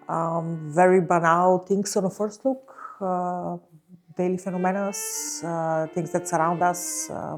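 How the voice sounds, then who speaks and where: A woman from Bulgaria, probably in her thirties, speaking as a visual artist in an interview, slow and searching, with many fillers and pauses. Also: on the low side, darkish tone. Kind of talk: reflective interview talk.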